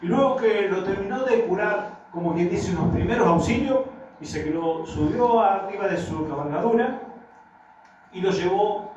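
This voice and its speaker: A man's voice: high-pitched, moderate pace, darkish tone, heavy reverb, far from the mic, highs cut off, a little hiss or hum. A man with an Argentine accent preaching a sermon, telling stories with quoted dialogue and asking the congregation rhetorical questions. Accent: Argentine Spanish. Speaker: pastor. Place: church hall.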